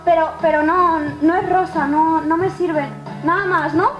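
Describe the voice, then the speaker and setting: Young woman magician, very high voice, playful and coaxing, echoey hall with music behind. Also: steady tone, unhurried. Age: young adult. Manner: playful, repeats words, coaxes the crowd. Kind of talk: lively stage patter with an audience. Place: care home common room, indoors.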